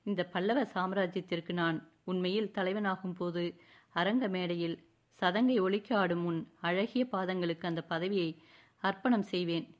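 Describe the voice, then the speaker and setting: A woman's voice: lowish voice, moderate pace, close to an everyday voice. A woman narrator voicing a young royal prince who speaks in a mocking, courtly way. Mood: teasing, courtly. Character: young royal prince, teasing then tender.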